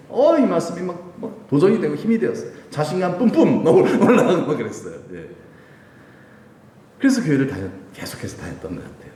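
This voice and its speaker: A male pastor preaching a Sunday sermon in a church, telling a personal story with frequent laughs. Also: medium pitch. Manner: storytelling, animated, laughs between phrases. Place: church sanctuary. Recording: echoey hall, voice from a distance.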